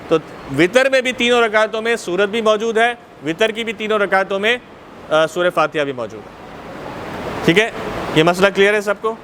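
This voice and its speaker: A man's voice: sits high, fairly bright tone, a little hiss or hum. A Pakistani man teaching a class on Islamic law in a mosque, repeating points and checking that students understand, in Pakistani Urdu. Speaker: religious teacher.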